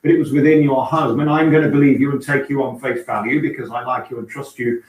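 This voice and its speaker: A man's voice: medium pitch, fairly even intonation, fast talker. A man hosting a casual chat, asking probing questions with hesitant restarts. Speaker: host. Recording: echoey, distant room sound.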